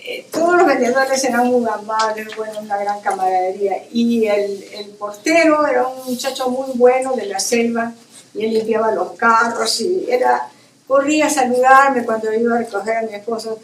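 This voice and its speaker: A woman's voice: a little high, moderate pace, a little hiss or hum. Chuckling woman author telling stories. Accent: Peruvian Spanish. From Peru. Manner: laughs while telling, animated quotes. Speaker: author presenting her book. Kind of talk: telling a personal story. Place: book fair event room. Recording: roomy hall, mic from a distance.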